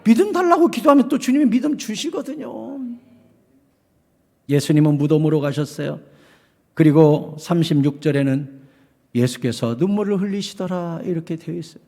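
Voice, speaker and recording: A middle-aged male pastor preaching in a church, his voice ringing high in the long reverb of the sanctuary. He drops to near-hushed asides, then climbs to shouted appeals, acting out the voices he quotes along the way. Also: normal speed, gravelly. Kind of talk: sermon.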